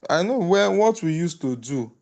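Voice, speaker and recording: A man's voice: fairly high pitch, animated, normal speed, gravelly, darkish tone. A man moderating an online group call who gives advice in a hesitant way, full of fillers and restarts. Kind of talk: casual group call, closing remarks.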